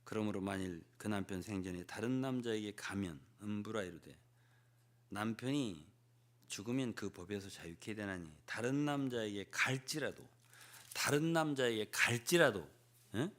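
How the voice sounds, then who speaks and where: An older man, a pastor, preaching a sermon in an animated way, often turning to the congregation with quick questions and acting out prayers and conversations. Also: lowish voice. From South Korea.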